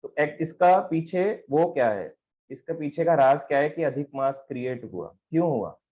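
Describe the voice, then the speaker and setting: Male spiritual teacher, slightly high voice, patient explanatory delivery that asks and answers itself, stand mic, dull recording. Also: lively intonation, normal speed, a little mellow. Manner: explanatory, asks and answers his own questions. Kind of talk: devotional talk on scripture.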